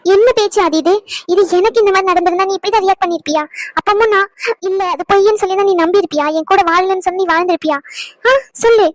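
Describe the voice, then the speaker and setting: A woman's voice: extremely high pitch, fast talker, no echo. A woman voicing a hurt, fed-up young wife. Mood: angry. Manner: pleading then bitterly reproachful. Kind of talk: cartoon drama dubbing.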